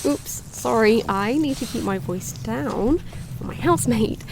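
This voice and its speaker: An actress playing a cheerful young woman hosting a woodland wildlife livestream, chatty and excitable. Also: fairly high pitch, a little slow, vocal fry, noisy background. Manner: chatty, excitable, gasps at sightings. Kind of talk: audio drama, chatty live-stream narration.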